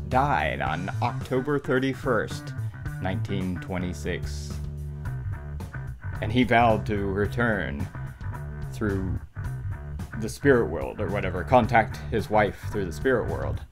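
A man's voice: lowish voice, lively intonation, slow. A middle-aged man presenting a video game show casually to camera, with tongue-in-cheek horror-host flourishes. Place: small dark indoor room. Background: guitar music.

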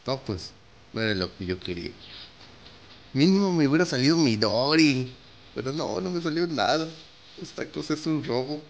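Speaking with a Mexican Spanish accent, this young man narrates a mobile game at a moderate pace and medium pitch, often pausing. He's excitable and nervous, yelping, groaning and cursing freely as he spends in-game currency, with background noise behind him.

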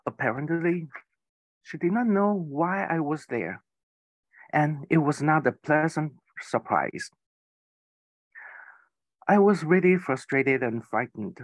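Slow, careful man giving a keynote. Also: on the high side, no room sound. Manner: slow, careful storytelling with occasional slips. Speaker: keynote speaker. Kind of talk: prepared speech.

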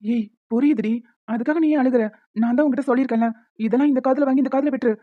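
A woman voicing a gentle young husband in a cartoon, soothing and reassuring his wife. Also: sits high, fairly even intonation, rapid-fire, phone-quality sound. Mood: comforting.

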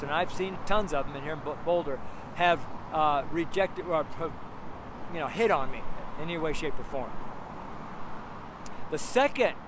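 A middle-aged man preaches on a street corner, a little higher-pitched than most men. He talks in an emphatic, rambling way, full of fillers and asides. Cars pass clearly in the background of the close handheld recording. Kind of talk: outdoor street sermon. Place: outdoors on a sidewalk by a street. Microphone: camera held close, selfie framing. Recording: outdoor street with audible traffic noise. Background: passing traffic.

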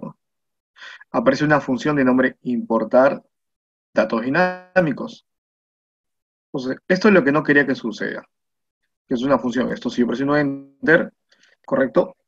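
A man's voice: medium pitch, fairly bright tone, husky. Peruvian man explaining spreadsheets step by step. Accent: Peruvian Spanish. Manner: patient step-by-step explaining, asks "¿no?" and "mira" often. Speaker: spreadsheet instructor. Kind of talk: screen-recorded software tutorial. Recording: muffled lo-fi voice recording.

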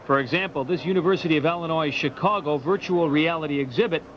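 A man TV reporter reading a scripted news voice-over with lively, punchy narration. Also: on the high side, fast talker, a little hiss or hum. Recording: muffled broadcast tape with music.

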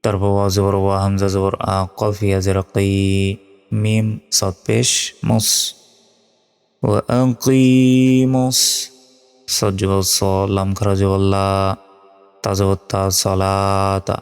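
Slow low Bangladeshi man teaching recitation. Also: monotone, creaky, a little mellow, smooth, long reverb tail, faint music behind. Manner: slow and deliberate, chanting verses. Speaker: Quran reading teacher. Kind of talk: spelling out letters and chanting verses.

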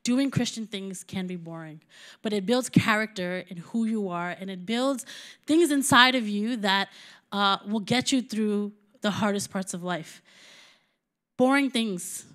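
A woman's voice: medium pitch, measured pace, fairly bright tone. A woman in her thirties preaching a sermon, talking conversationally and building to emphatic points.

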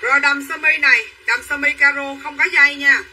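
A woman sells clothes on a livestream in a high, steady voice that sounds pushed and bright, talking fairly quickly. Her pitch is a repetitive hard sell, and she calls buyers by name. She's far from the mic on a low-quality recording with faint room noise.

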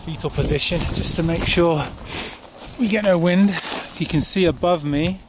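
A tired young man, a touring cyclist, chatting casually to his camera outdoors by a highway and laughing often. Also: normal speed, noisy background. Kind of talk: casual video diary.

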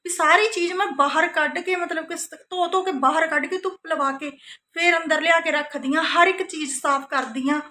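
A woman's voice: extremely high pitch, fairly even intonation, a little fast, sharp tone, slight background noise. A woman in her thirties from Punjab, tired and chatty, talking through her day in a casual family home vlog and often tagging her sentences with a questioning "right?". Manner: chatty, tags sentences with "hanna". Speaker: family vlogger.

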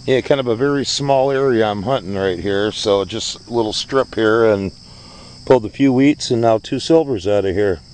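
A man's voice: on the low side, normal speed, darkish tone, low-quality recording. A man narrating his finds in a casual, understated vlog style, recorded outdoors on a handheld camera. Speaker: metal detecting hobbyist, vlogger. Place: outdoors, grassy ground by a parking lot. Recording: outdoor ambient noise, faint insects.

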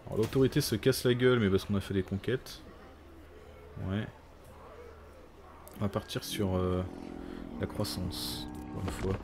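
A man's voice: on the low side, measured pace, pauses often, noisy background. A man giving casual co-op strategy game commentary, muttering through menus as he thinks aloud. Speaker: gaming streamer.

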